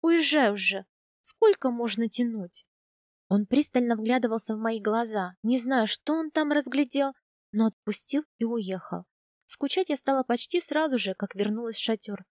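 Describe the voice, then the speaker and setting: A woman reading a first-person novel aloud, soft and intimate in tone. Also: on the high side, moderate pace, no room sound, studio quality. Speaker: audiobook narrator.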